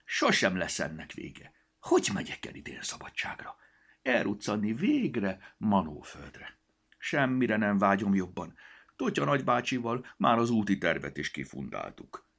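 A man's voice: on the low side, huge pitch swings, creaky, a bit bright, voice pushed up, full character voice. A man voicing a fussy, busy little male elf who chatters and grumbles to himself. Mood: fretful.

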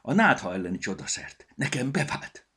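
A man voicing a lively, boastful squirrel in a children's audiobook, chirpy and quick. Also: medium pitch, husky, voice pushed up, exaggerated voice. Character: lively show-off cheeky squirrel.

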